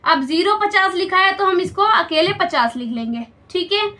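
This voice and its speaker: A woman's voice: very high voice, lively intonation, normal speed, pushed and bright. A woman teaching a school maths lesson step by step, patiently explaining and checking understanding with questions.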